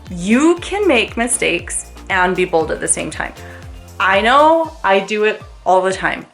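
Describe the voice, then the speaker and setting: A woman's voice: mid-range voice, fairly bright tone. A woman in her thirties talking to camera in a sponsored family vlog, chatty and upbeat, speaking straight to her viewers. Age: 30s. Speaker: family vlogger.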